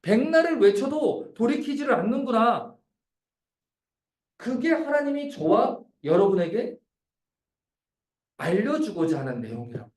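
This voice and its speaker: A male pastor preaching a sermon in an animated way, asking his listeners questions. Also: unhurried, pauses often, echoey room. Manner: animated preaching with dramatic pitch swings and rhetorical questions.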